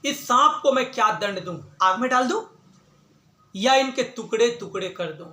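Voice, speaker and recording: A man's voice: very high voice, animated, normal speed, heavily acted. A man telling a religious story, voicing an angry, threatening hunter in a raised voice. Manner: loud, threatening. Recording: echoey room.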